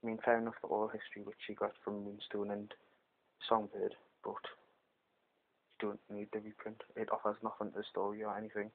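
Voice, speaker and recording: British male reviewer, lowish voice, hungover, casual and rambling, lo-fi homemade sound. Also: monotone, fairly quick, creaky. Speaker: comic book reviewer. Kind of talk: casual, unscripted video review. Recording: dull, lo-fi amateur microphone sound.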